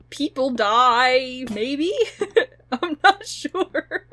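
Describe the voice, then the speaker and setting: A woman's voice: high voice, expressive, very slow, pushed and bright. A young woman chatting casually while playing a game, giggling often and rambling with restarts. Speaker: gaming video creator. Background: faint game music.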